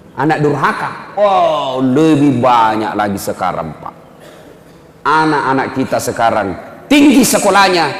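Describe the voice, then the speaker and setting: A man preaching an animated sermon with a Makassar accent, acting out voices dramatically and joking with the audience. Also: mid-range voice. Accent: Makassar Indonesian. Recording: echoey hall reverb.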